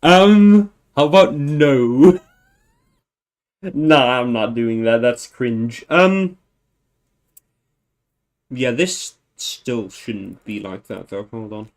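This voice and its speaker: An unhurried man hosts a livestream, thinking aloud in a casual way. His voice sits at a middle pitch, and he meanders, correcting himself and chuckling as he goes. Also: very animated. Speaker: livestream host.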